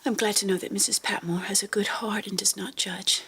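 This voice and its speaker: An actress playing a soft-spoken but firm aristocratic wife in a period drama. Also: female voice, mid-range voice, steady tone, a little fast, slightly rough, heavily acted.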